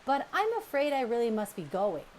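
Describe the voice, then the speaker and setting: A woman doing a polite, gentle robot mother. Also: fairly high pitch, sing-song, fairly quick, a little hiss or hum, pitched above the performer's own voice. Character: friendly female robot, calm and polite.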